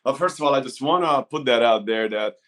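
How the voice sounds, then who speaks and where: A middle-aged Hungarian man with a Hungarian accent speaks informally and discursively as a coach in a conversational interview. His voice is mid-range, brisk, and fairly bright in tone.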